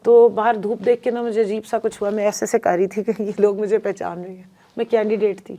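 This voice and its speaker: A woman's voice: mid-range voice, level tone, dark tone. A woman from Pakistan, a politician guest on a podcast interview, telling her story in an emphatic, earnest way.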